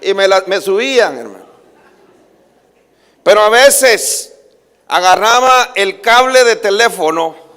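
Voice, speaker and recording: A male pastor, preaching a sermon that swings between loud calls and soft asides. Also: sits high, animated, takes it slowly, long pauses, smooth. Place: church hall. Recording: livestream with long hall reverb.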